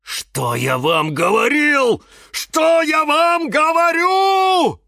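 Kirill, a shrieking hysterical cactus. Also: male voice, very high voice, very animated, very slow, gravelly, sharp tone, no echo, clean studio sound, voice pushed up, heavily acted. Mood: panicked yelling. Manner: shrieking, wailing in alarm. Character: hysterical panicky male houseplant cactus. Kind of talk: children's audiobook reading.

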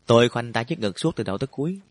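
A man's voice: medium pitch, animated, rapid-fire, dry recording, lightly acted. A man voicing a brash, scheming teenage schoolboy who talks bluntly. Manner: blunt, offhand slangy talk.

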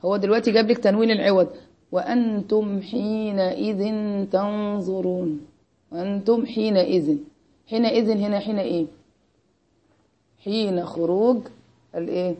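With a medium-pitched, dark-toned voice, an Egyptian woman teaches Arabic grammar through call-and-response. She keeps challenging her students with repeated "what?" prompts.

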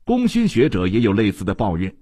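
Husky low-voiced male audiobook reader. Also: no room sound, clean studio sound. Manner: measured, expressive storytelling. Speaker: audiobook narrator. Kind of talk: literary audiobook narration.

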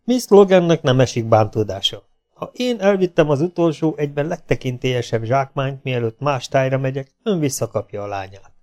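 A man's voice: medium pitch, animated, darkish tone, natural voice. A man voicing a cocky, self-assured outlaw gunslinger who taunts his opponents. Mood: mocking. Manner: mocking, self-assured and teasing.

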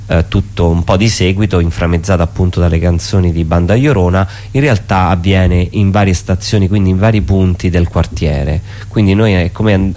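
Being interviewed about his theatre work, this man thinks out loud, pausing and frequently revising what he's just said. He speaks in a low, slightly mellow voice, with a spontaneous, halting delivery.

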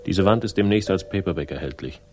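Speaking over music, an actor plays a sardonic, world-weary male sleuth who tells his own story in a 1960s German radio drama, mixing first-person narration with dialogue. His low, gravelly voice moves fast with lively intonation and dry, laconic irony. The narration is wry.

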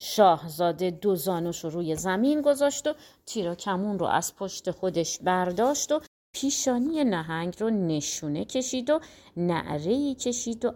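A woman audiobook reader narrating a folk tale in an expressive, conversational storytelling manner. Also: fairly low pitch.

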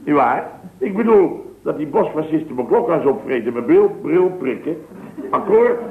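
A man with a fairly high, sing-song voice at normal speed tells a rambling hunting anecdote, dry in delivery and mockingly pompous, as the comic storyteller of a scripted radio sketch. The sound comes from a tinny, hissy, roomy old radio broadcast.

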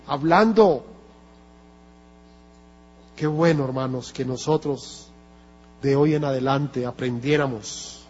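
A man with a Colombian Spanish accent preaching a sermon in a church, slow and emphatic, asking the congregation rhetorical questions. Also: a little high, a little mellow, husky. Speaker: pastor. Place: church hall. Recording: lo-fi church recording with long reverb and mains hum.

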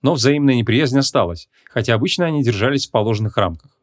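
A man narrating an audiobook in an even, measured reading voice. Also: medium pitch, no room sound, clean studio sound.

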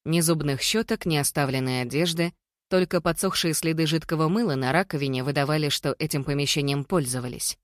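An audiobook narrator telling the story in an even, measured way, at a middling pitch. The recording is close and dry, with no room around the voice. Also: no room sound. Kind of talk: scripted narration.

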